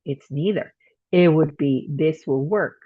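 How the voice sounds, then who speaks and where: Husky woman teacher with tinny audio. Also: deep voice, measured pace, dry recording. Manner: explains patiently with spoken examples and self-corrections. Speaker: English teacher. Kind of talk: online grammar lesson. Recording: tinny phone-like audio, dry.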